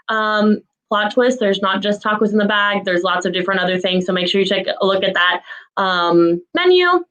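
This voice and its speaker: Brief: a woman with a slightly high voice running down weekly staff notices, matter-of-fact, with filler pauses. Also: fairly bright tone, low-quality recording. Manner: brisk, businesslike, frequent "um" fillers. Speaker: school administrator giving staff announcements. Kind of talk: reading a list of staff announcements.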